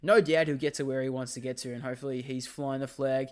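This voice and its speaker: A man's voice: mid-range voice, fairly even intonation, fast talker, darkish tone, clean tone. An Australian man co-hosting a casual sports podcast, talking in a matey, teasing way. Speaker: podcast co-host.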